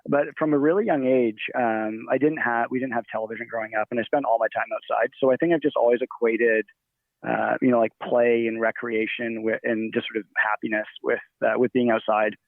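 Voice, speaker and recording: A man's voice: mid-range voice, fairly even intonation, a little fast, creaky, no room sound. A man who grew up in Nigeria, answering interview questions casually with many fillers and restarts. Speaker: guest. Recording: tinny phone-like line.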